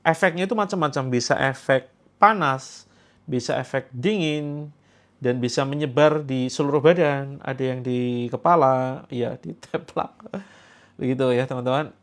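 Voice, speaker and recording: A man leads a ruqyah healing session. He gives quick instructions and stern commands. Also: mid-range voice, fairly bright tone. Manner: chants the call to prayer slowly, then gives quick instructions and stern commands. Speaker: spiritual healer leading a ruqyah session. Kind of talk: guided prayer and healing instruction.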